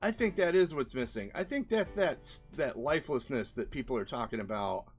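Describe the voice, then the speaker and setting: With faint music behind him, an indie game developer chats through a screen-share of his experiments, rambling and reasoning aloud. His medium-pitched voice is animated and a little fast.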